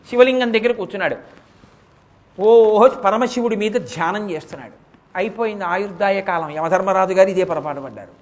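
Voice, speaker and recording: A man giving a religious discourse, telling a sacred story in animated fashion and chanting verses slowly. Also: high-pitched. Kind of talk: sermon storytelling.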